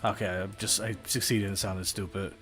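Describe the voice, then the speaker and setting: A man's voice: deep voice, level tone, a little fast, a bit bright, soft background music. A man chatting casually on a livestream while he plays, rambling and hesitant, poking fun at himself. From United States. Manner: rambling, hesitant, self-deprecating. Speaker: streamer.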